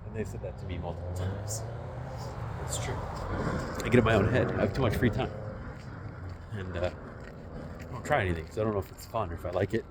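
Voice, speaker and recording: Walking outdoors down a residential street, a vlogger in his forties talks casually into a phone on a selfie stick in a deep, low voice. He speaks fairly quickly with frequent pauses, musing in a self-deprecating way as faint background noise carries on.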